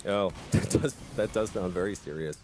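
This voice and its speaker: A man with a Canadian accent hosting a charity live stream, easygoing and quick to laugh at himself. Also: low voice, darkish tone, slight background noise. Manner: easygoing, laughing, self-deprecating. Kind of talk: casual live-stream chat.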